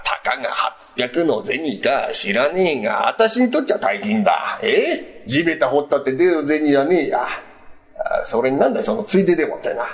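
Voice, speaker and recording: A man voicing a stubborn, pompous elderly landlord with an old Edo Tokyo accent, drawling and mocking in rakugo storytelling. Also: on the high side. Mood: sneering. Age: older.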